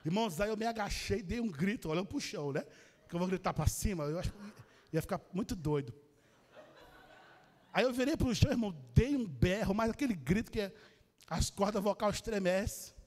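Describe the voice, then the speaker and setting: Animated high-voiced Brazilian preacher. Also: male voice, fairly quick, long reverb tail. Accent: Brazilian Portuguese. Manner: animated storytelling, addresses the congregation. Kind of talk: sermon. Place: church.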